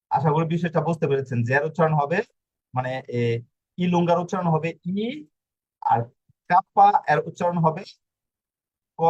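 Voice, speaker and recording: A man teaching an online language lesson, explaining slowly with many fillers and restarts. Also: a little high, dull audio.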